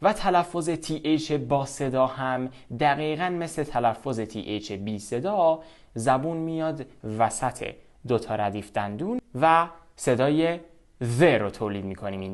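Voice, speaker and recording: A man with a Persian accent explaining English pronunciation step by step and repeating each sound. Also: medium pitch. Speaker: pronunciation teacher.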